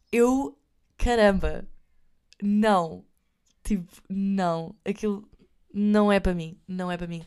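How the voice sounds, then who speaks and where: A woman's voice: on the low side, darkish tone. Chatty young Portuguese-accented woman. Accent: European Portuguese. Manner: chatty, self-mocking, mixes in English phrases. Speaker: vlogger. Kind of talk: casual storytelling to viewers.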